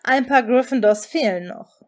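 A woman voicing a cold, sarcastic male professor who speaks quietly and cuttingly in a fan-fiction audiobook. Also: on the high side, normal speed, lightly acted.

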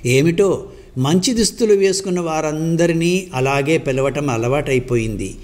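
A man's voice: on the high side, normal speed, darkish tone, pitched above the performer's own voice, close to an everyday voice. A man voicing a humble young laborer who earnestly and respectfully pleads to learn music. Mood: earnest pleading.

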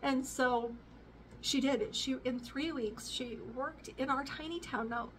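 A woman's voice: sits high, slow, background noise. Chatty woman talking from a distance. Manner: rambling, chatty, with fillers and laughs. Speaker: homestead vlogger. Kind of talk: casual talk to camera. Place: living room with bookshelves, indoors. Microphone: camera at a distance.

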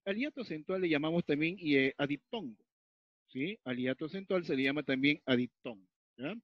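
A man from Peru walks a class through a grammar lesson, repeating each rule and pausing to check that everyone is following. His voice sits a little high for a man. The recording is dull and dry, with no room echo. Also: expressive. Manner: explains step by step, repeats key points, checks in with frequent "¿ya?". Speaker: teacher. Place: at a whiteboard or tablet, writing as he talks.

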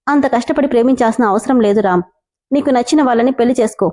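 A woman doing a soft-spoken, easily hurt young woman in love, high and pleading, warm tone. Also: fast, close to an everyday voice. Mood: gentle. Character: young woman in love, timid, tearful, devoted daughter.

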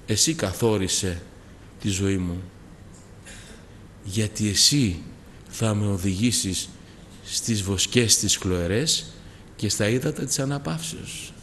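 A Greek man preaching a testimony sermon. He moves from soft, slow prayer to loud, rising exhortation. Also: fairly low pitch, a little hiss or hum. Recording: reverberant hall with faint background ambience.

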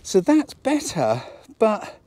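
A British man in his fifties with a squeaky voice from a cold, chatting casually and jokily as he teaches outdoors, often asking rhetorical questions. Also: huge pitch swings, takes it slowly, mellow, no echo. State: has a cold. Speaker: photography instructor and presenter. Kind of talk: casual instructional talk to camera. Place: outdoors at a waterside harbour slipway.

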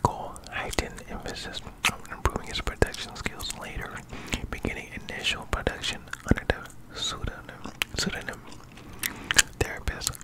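Young man whispering while chewing gum. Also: poor audio. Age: young adult. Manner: soft, unvoiced whisper throughout. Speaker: ASMR video host. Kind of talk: whispered ASMR reading of facts. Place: small indoor room. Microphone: close condenser microphone with furry windscreen.

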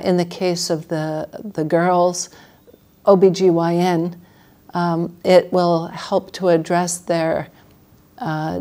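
An older woman, a paediatric urologist, giving a measured answer at a panel discussion in a wood-panelled meeting room. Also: on the low side, mellow.

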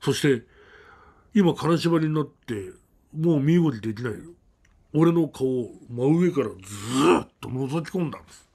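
Male ghost storyteller, gravelly, husky, lively pitch, dramatic hushes. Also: moderate pace. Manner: dramatic, with sudden drops to a hush. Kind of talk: live true ghost story telling.

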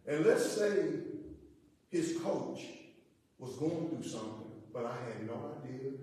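A man preaching a Bible study sermon as pastor, emotional, swinging from loud emphasis to quiet. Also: mid-range voice, animated, measured pace. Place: church hall. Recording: echoey hall, distant mic.

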